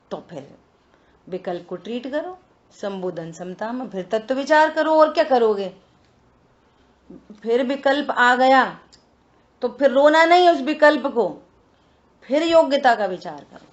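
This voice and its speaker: A woman leading a religious scripture study in a lively conversational way, asking rhetorical questions and teasing her listeners. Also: high voice, unhurried, long pauses. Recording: dull lo-fi recording.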